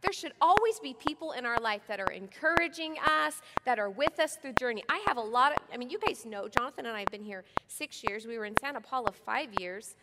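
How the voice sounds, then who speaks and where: Woman pastor, middle-aged, earnest chatty sermon, fairly high voice, long hall echo. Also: animated, brisk, few pauses. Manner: earnest, conversational preaching with rhetorical questions. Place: church sanctuary. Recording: long hall reverb, loud background noise.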